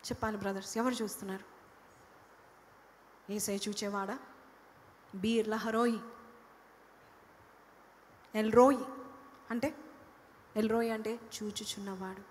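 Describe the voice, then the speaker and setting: A woman's voice: medium pitch, steady tone, unhurried, pauses often, a little hiss or hum. A woman pastor preaching a sermon in a church and questioning the congregation as she goes. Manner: questions the congregation and prompts answers. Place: church hall. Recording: long hall reverb.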